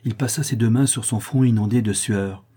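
A man narrates a classic novel in a measured, expressive manner. His voice is low and dark with a husky grain, and he takes the sentences at a steady pace. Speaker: audiobook narrator.

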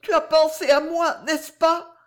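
A woman's voice: sits high, level tone, measured pace, voice pushed up. A woman reading an audiobook, voicing a passionate young noblewoman in a heightened, tremulous way. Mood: pleading passion.

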